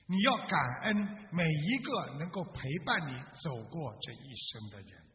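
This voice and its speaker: A man giving a sermon and telling a parable, emphatic, swelling louder and slowing down on key words. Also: fairly high pitch, big pitch swings. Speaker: religious radio talk host. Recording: distant echoey hall, dull faint hiss.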